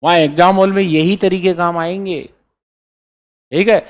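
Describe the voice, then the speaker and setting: A man's voice: sits high, steady tone, normal speed. A male teacher giving a classroom lecture, drilling memory codes letter by letter and checking in with students again and again. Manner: keeps checking in with students, repeats key points. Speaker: exam-prep teacher.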